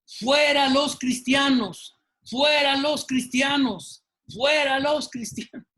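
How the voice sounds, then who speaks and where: A man putting on a furious street protester, shouting slow chants in a high, forceful voice. He drags out every word. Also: exaggerated voice. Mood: angry chanting. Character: angry male street protester.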